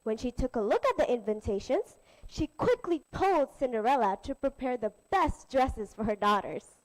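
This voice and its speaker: A woman's voice: high-pitched, low-quality recording. A woman telling a fairy tale to children as a storyteller, in a sing-song manner. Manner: slow, lively, sing-song.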